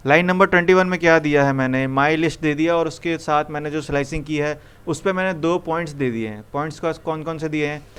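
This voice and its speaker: A man's voice: on the high side, fast, hardly any pauses, a bit bright, clean tone. A young man teaching programming to a live classroom, coaxing students with repeated questions. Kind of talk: live classroom coding lesson.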